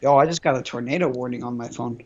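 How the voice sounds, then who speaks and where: A man's voice: medium pitch, fast talker, crowd noise. A young man co-hosting a casual podcast, joking bluntly with lots of swearing. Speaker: podcast co-host. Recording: dull lo-fi call audio.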